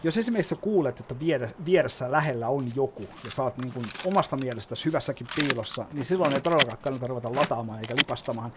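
A man talks his way through a match, explaining each move and swearing freely. His voice sits in a middling pitch, and loud game noise runs under everything he says. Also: few pauses. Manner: chatty, explains as he plays, swears often. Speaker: gaming YouTuber. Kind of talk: gameplay commentary.

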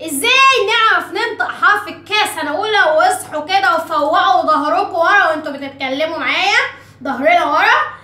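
Egyptian woman teacher, playful drill style, bright voice, recorded from a distance. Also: extremely high pitch, fast. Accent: Egyptian Arabic. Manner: drills words with many repetitions, coaxing and playful. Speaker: English teacher for first graders. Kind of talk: animated lesson to children. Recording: echoey room, mic at a distance.

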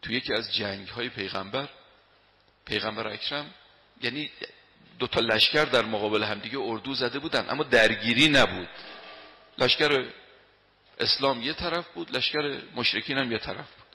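A man's voice: medium pitch, pauses often, sharp tone. A man giving a sermon, telling stories emphatically and reciting Arabic quotations, his voice swelling on key phrases. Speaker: religious lecturer. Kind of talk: sermon with storytelling. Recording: long hall reverb.

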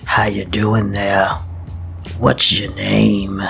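A man doing a gravelly, leering cartoon inmate. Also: fairly low pitch, flat delivery, very slow, over music, full character voice. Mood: sly. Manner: oily, teasing, suggestive drawl. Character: creepy male prison inmate, leering and sly. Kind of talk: cartoon parody voice acting.

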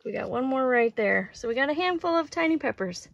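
A woman's voice: high voice, animated, brisk, gravelly, muffled recording. A woman filming a casual garden tour on her phone outdoors, chatty and cheerful, exclaiming over her plants. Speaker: homesteading vlogger.

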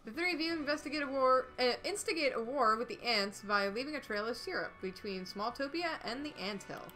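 A woman's voice: high voice, lively intonation, a little fast, bright, forceful tone, faint music behind. A woman narrating a dating game on a stream, reading the text in a playful, upbeat way with dry asides.

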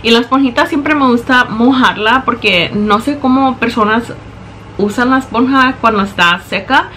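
A young woman, a beauty vlogger, chats in Spanish laced with English words as she films a makeup tutorial in her small bedroom, the camera close and in front of her. She explains each step at a moderate pace in a bright, forceful, slightly high voice. Slight background noise is present.

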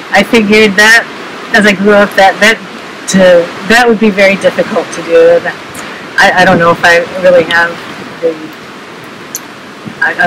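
Middle aged guy, high voice, park guide chatting outside, hesitant, far from mic, noisy. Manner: hesitant, modest, pausing mid-phrase. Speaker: park cave guide being interviewed. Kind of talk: casual interview answers. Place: outdoors beside a wooded retaining wall. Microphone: camera several meters away. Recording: distant outdoor mic with clear ambient noise.

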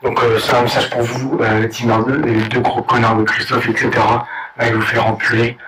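A man with a hoarse, sick voice rants at other gamers, crude and halting, with many hesitations. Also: mid-range voice, level tone, heavy background noise. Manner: crude, halting, full of fillers. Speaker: gamer ranting to viewers. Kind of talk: angry video rant.

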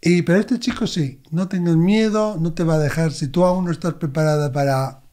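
A man, a medium, telling expressive stories as an interview guest. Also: a little high, moderate pace. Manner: expressive, animated anecdotes. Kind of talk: conversational storytelling.

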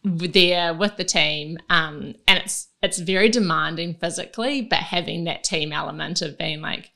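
A woman's voice: fairly low pitch, moderate pace, creaky. A young woman with a New Zealand accent, chatting easily as an interview guest in a living room, close to a studio mic. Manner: relaxed, chatty, laughs easily. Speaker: guest, Olympic rower. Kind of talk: casual interview chat. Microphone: studio mic on boom arm.

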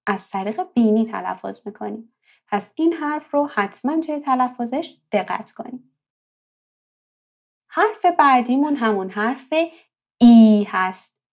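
A young woman teaching a language lesson, calmly explaining and repeating example words slowly and clearly. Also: on the high side. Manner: slow, drawn-out repetition of example words.

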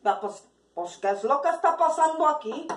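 Excitable kindly farmer, put on by a woman: high, unhurried, gushing exclamations, echoey room. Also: recorded from a distance, faint music behind. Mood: amazed. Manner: drawn-out, exclamatory, fond. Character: excitable kindly male farmer, middle-aged.

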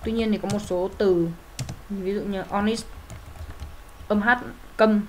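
A woman's voice: medium pitch, fairly even intonation, a little slow, warm tone, a little hiss or hum. A woman teaching English grammar, working through answers step by step in a methodical way, with frequent fillers and self-corrections. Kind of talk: explaining grammar exercises.

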